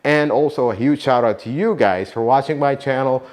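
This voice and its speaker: At a normal pace, an Iraqi mechanic who hosts on YouTube speaks to his viewers with heartfelt thanks. Arabic is his first language, and his earnest gratitude is marked by lively pitch swings.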